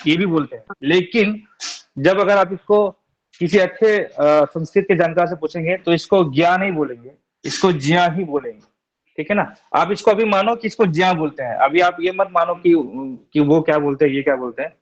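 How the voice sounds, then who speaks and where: A young man teaching a Sanskrit class online, patiently sounding out syllables one by one and checking in with his students. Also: a little high. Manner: reassuring, repeats syllables slowly, often asks "theek hai?". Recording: dull lo-fi online class audio.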